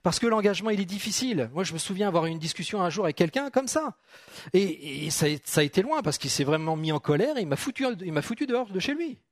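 A man's voice: sits high, lively intonation, fast talker, dry recording, clean studio sound. A man preaching an informal sermon, reading Bible verses and talking chattily with his congregation, often repeating phrases. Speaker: pastor.

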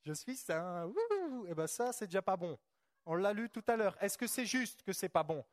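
Male preacher, high voice, fervent, repeats himself and quizzes the congregation; dry close sound. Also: very animated, moderate pace, no room sound. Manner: fervent, repetitive, asks the congregation rhetorical questions. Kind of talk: charismatic church sermon.

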